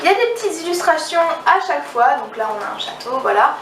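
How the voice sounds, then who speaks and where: A woman's voice: high-pitched, lively intonation, quick pace, gravelly, a bit bright. A young woman chatting enthusiastically about the books she bought, often trailing off and restarting her sentences. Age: young adult. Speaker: book vlogger. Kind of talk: casual book haul vlog. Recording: roomy, slightly distant mic, faint background noise.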